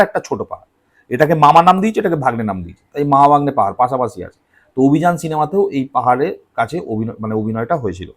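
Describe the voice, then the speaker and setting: A man's voice: a little high, a little mellow. A young male teacher giving a casual classroom lecture for exam prep, chatty, posing questions and answering them himself. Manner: chatty, asks and answers his own questions.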